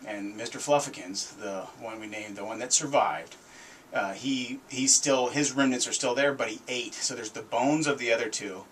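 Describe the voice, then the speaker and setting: A middle-aged American man hosts a radio show, telling stories in a casual, conversational, emphatic way. His voice is medium-pitched and fairly bright at a moderate pace, picked up by a boom-arm studio mic in a small foam-treated studio, though the recording is rough with a little hiss or hum.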